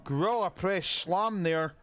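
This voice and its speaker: A man giving excitable play-by-play commentary on a wrestling video game, often restarting his sentences. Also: sits high, unhurried.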